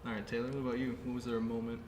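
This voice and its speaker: Talking very fast at a medium pitch, the round-table host keeps things casual, stuffing his questions with fillers and laughing frequently. Background noise and echo fill the room.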